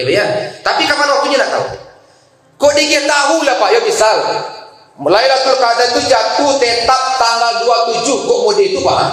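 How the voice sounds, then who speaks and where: High-voiced West Sumatran preacher, echoey hall. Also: male voice. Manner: animated, conversational, asks the congregation questions. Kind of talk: Ramadan sermon.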